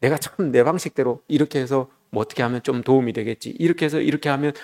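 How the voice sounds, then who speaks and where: A man's voice: medium pitch, fast, a little mellow, close to an everyday voice. A man voicing an elderly church deaconess who pleads in a frantic, emotional way. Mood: tearful.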